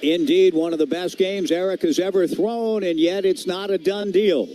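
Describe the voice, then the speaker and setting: Working radio play-by-play for a live baseball game, this American man speaks at a normal pace in a high, warm voice. The ballpark hums around him, with clear background noise typical of a live broadcast.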